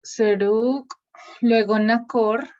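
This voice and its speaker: Speaking extremely slowly in a fairly high voice with fairly even intonation, a woman leads an online Bible class, musing aloud while she types names onto her shared screen. The audio is dull and lo-fi, picked up by her computer mic on the call.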